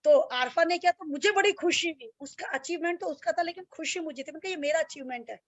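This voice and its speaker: Speaking fast in an extremely high voice, a woman who teaches yoga addresses her online class over video call in a blunt, straightforward way, describing herself as strict. There's no echo, just dull, lo-fi call audio.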